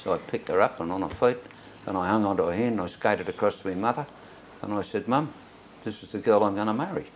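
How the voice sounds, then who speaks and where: An old Australian man with a fairly low voice reminisces as a veteran looking back on his life. He tells it in a rambling, anecdotal way, as in an oral history interview, with noticeable noise behind him. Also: fast, low-quality recording. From Sydney, Australia. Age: elderly.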